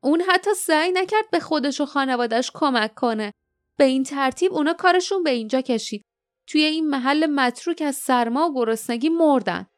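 A woman's voice: high voice, animated, no room sound, studio quality, soft background music, pitched above the performer's own voice. A woman voicing a fierce, blunt young girl who speaks harshly and with scorn in an audiobook. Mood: angry. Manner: harsh, scornful, quick-tempered. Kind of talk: audiobook character voice.

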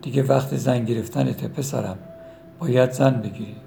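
A man voicing a caring middle-aged mother who keeps urging her son to marry, in a gravelly storybook reading. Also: mid-range voice, fairly even intonation, mellow, faint music behind. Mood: insistent. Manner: fussing, pleading.

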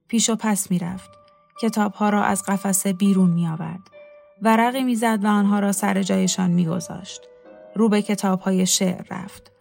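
A woman narrating a literary story in a measured, steady reading. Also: mid-range voice, gravelly.

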